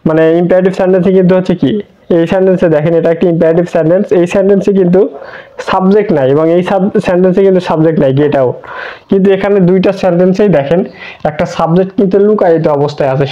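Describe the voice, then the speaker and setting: A man teaching an online English grammar lesson, explaining step by step with repeated words and rhetorical questions. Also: sits high. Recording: dull lo-fi recording.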